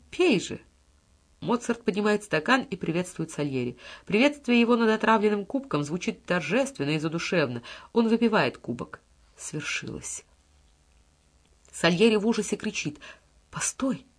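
A woman reading a literary essay aloud as an audiobook narrator, in a measured and expressive way. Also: mid-range voice.

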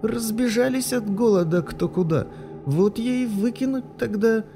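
A man reading an audiobook, voicing a timid, fawning old woman neighbour who speaks in halting, ingratiating phrases. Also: high-pitched, gravelly, voice pushed up.

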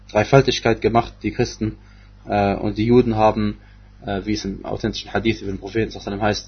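Husky low-voiced man teaching scripture. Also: dull audio. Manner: hesitant, many fillers and restarts. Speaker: Quran exegesis teacher. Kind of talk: religious lecture.

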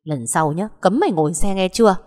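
A woman voicing a harsh, abusive middle-aged stepmother who shouts and scolds, with a long echoing reverb. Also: lowish voice, lively intonation, fairly quick, lightly acted. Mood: scolding.

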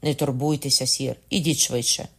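A man's voice: mid-range voice, steady tone, moderate pace, bright, forceful tone. A man reading as a blunt young soldier. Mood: urgent. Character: bold young male soldier, vengeful and loyal.

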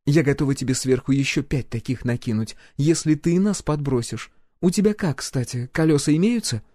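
A man's voice: mid-range voice, normal speed, mellow, no room sound, pitched above the performer's own voice, close to an everyday voice. A man reading an audiobook, voicing a bold, teasing young woman who carries a rifle. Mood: coaxing. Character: sharp-tongued teasing young woman, armed wife.

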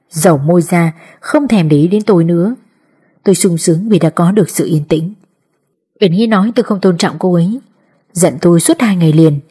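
A woman reading an audiobook as narrator, telling the story in an even manner. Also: lowish voice, husky. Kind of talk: scripted narration.

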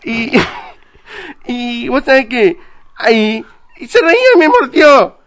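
A nervous married man with a short tongue-tie rambles and stammers in a radio comedy sketch, as a man plays him. His voice sits high and his speech sounds odd and mouthy. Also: expressive, slow, a bit bright, exaggerated voice. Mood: flustered.

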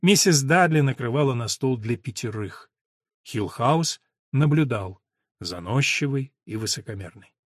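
A man reading an audiobook in scripted narration, measured and even, recorded on a close studio mic. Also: mid-range voice, no echo.

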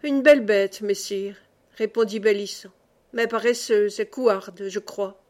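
A woman reading the part of a rough medieval male huntsman, calling out his hounds heartily. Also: medium pitch, fairly even intonation, a little slow, darkish tone, close to an everyday voice. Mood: matter-of-fact.

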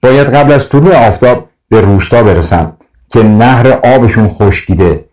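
A man's voice: medium pitch, a little mellow, far from the mic, close to an everyday voice, low-quality recording. A man voicing an earnest, brave young hero in a storybook, speaking in a declaring manner.

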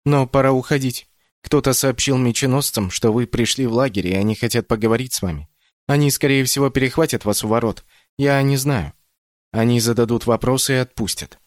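Brief: man voicing a woman leader of a tribe, hurried warning, respectful tone, storybook reading. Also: mid-range voice, no echo, clean studio sound, natural voice. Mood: urgent.

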